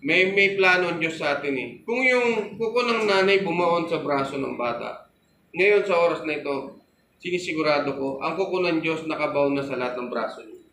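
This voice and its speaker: A man's voice: on the high side, normal speed, bright, forceful tone, roomy sound, a little hiss or hum, low-quality recording. A man preaching a sermon as pastor, telling a story and calling out to the congregation for amen.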